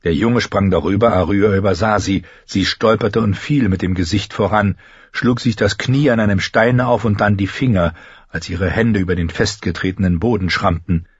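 Low husky man reading fantasy narration, measured and even, dry dull studio sound. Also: no echo. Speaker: audiobook narrator.

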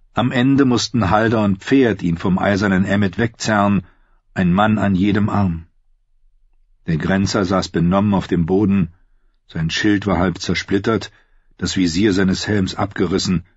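A man narrating an audiobook in a steady, measured storytelling voice, recorded close on a slightly dull lo-fi recording. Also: deep voice, husky, dry recording.

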